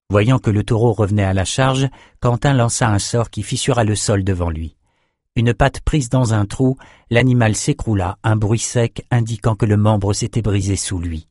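Steady male audiobook narrator, dry close sound. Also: fairly low pitch, normal speed, dry recording. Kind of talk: scripted narration.

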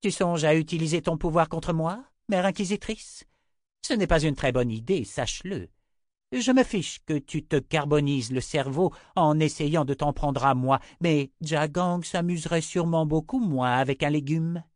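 A man's voice: a little high, normal speed, no room sound, clean studio sound, pitched above the performer's own voice, lightly acted. A man putting on a sneering sorceress seer. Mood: taunting. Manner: mocking, taunting. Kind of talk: audiobook character voice.

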